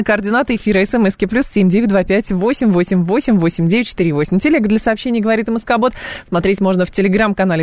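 A woman hosting live radio news talk in a studio, speaking briskly with frequent filler sounds between points. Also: medium pitch, dry recording. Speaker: radio host. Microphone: studio microphone.

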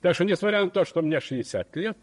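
A man of sixty giving a wry, gentle, measured speech at his own jubilee. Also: sits high, expressive. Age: 60s. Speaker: jubilee speaker. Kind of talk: formal public speech. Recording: old archive hall recording with reverb.

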